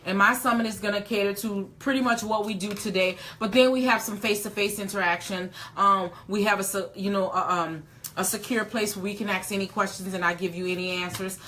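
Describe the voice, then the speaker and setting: Emphatic, bright-voiced woman in her forties. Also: mid-range voice, steady tone, a little fast, a little hiss or hum. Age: 40s. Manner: repetitive, emphatic, folksy. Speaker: host. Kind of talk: casual live chat.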